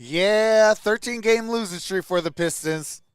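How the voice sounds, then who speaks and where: This sports livestream host has a voice that sits high and smooth, and he talks a little slowly. He greets viewers by name and answers their messages with casual, conversational commentary. There is no echo, and the studio sound is clean.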